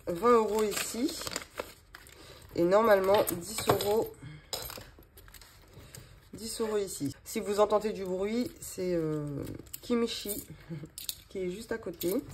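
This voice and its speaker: A woman in her thirties with a regional French accent walks through her monthly cash-envelope budget in a casual, rambling vlog full of fillers. Her voice sits at medium pitch, and there's a little hiss or hum.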